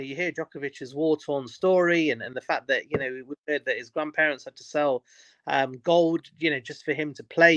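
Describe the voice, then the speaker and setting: A man's voice: a little high, a bit bright, no echo. A man with an emphatic manner and many restarts, talking in a casual podcast chat.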